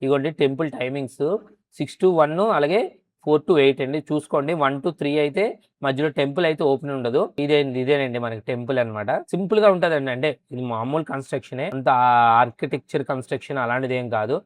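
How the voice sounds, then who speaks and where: A man's voice: medium pitch, fast, no room sound. A man narrating a temple's story and then guiding viewers around it in a polite, casual way. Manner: polite, adds a respectful "andi" often while showing the site. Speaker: travel vlogger and temple guide. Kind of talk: narration and casual guided tour.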